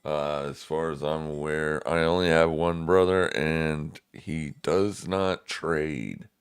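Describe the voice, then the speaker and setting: On a live trading stream, a man with a very deep smoker's voice talks slowly and smoothly with clean resonance and fairly even intonation. He speaks straight to viewers, commenting casually in laid-back slang.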